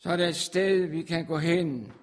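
A man with a noticeably high voice preaches a sermon to his congregation. He leans on repetition, echoing key phrases again and again. He moves from hushed, quiet stretches up to loud, forceful declarations. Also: steady tone. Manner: emphatic, repeats phrases, swings from soft to loud.

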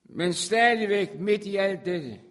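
A man preaching a sermon to his congregation. He repeats phrases for emphasis and swings from soft, quiet passages to loud, forceful peaks. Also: sits high, lively intonation.

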